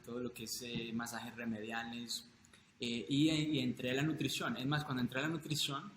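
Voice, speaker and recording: A man from Colombia answers interview questions in a loose, halting way, full of fillers and restarts. His voice sits at an ordinary middle pitch. The room echoes, with a clear hiss of noise underneath. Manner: hesitant, many fillers and restarts. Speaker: holistic health coach, guest. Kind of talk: casual interview talk.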